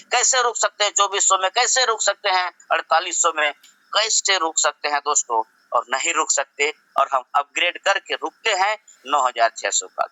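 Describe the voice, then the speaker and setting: A man's voice: high-pitched, bright, forceful tone, no room sound, poor audio. A man presenting a business plan to his audience, asking rhetorical questions and repeating phrases for emphasis. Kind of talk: promotional presentation.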